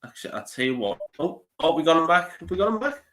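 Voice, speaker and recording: Bright-voiced man with a stuffy flu. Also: on the high side, big pitch swings, fast. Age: 30s. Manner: chatty, laughs often, self-deprecating. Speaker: interview host. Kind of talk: casual live interview.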